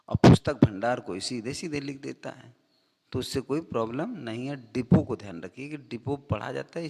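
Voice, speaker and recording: Male teacher, slow deliberate explainer, reads definitions out word by word, reverberant room. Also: mid-range voice, darkish tone. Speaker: English teacher. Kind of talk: vocabulary lesson.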